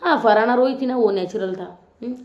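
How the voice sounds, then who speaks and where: A woman's voice: a little high, fairly quick, echoey room, dull audio. A woman chatting casually as she reviews a reality show episode, teasing and mimicking the contestants.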